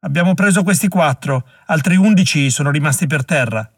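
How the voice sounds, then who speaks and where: A man's voice: on the high side, brisk, no room sound, clean studio sound. A man voicing a tough frontier fighter who gives a terse, blunt report in an audiobook. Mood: grim.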